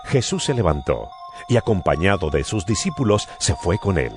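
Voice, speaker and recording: A deep-voiced male narrator reading scripture with very lively, swooping intonation. Guitar music plays clearly beneath his storytelling. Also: moderate pace. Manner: storytelling, expressive. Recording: music bed behind voice.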